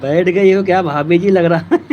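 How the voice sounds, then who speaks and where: A man's voice: high voice, steady tone, normal speed, highs cut off, slight background noise. A man hosting a casual live stream, chatting with viewers by name, teasing them and thanking them for their support.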